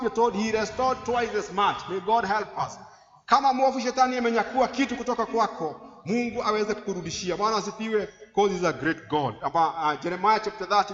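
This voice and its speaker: High, bright-voiced preacher. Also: male voice, big-room sound, lo-fi sound. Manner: emphatic, repeats phrases, swings loud and soft. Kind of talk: sermon. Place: church.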